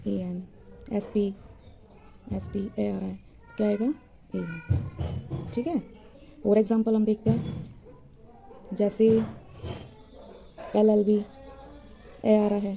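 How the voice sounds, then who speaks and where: A woman's voice: on the high side, vocal fry, dark tone, muffled recording. A woman teacher giving a grammar lesson, patiently repeating points and answering her own questions.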